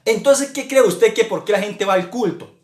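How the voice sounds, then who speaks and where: A man's voice: high voice, moderate pace, a little mellow, echoey room. A man from Colombia teaching an online church Bible lesson, earnest and repetitive, with many restarts.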